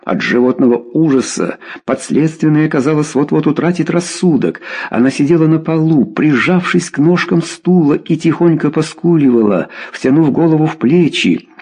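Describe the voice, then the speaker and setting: A male audiobook narrator reading a crime novel with a husky, slightly breathy voice. His delivery is dramatic and expressive, and his pitch moves lively through the sentences. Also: normal speed, hardly any pauses.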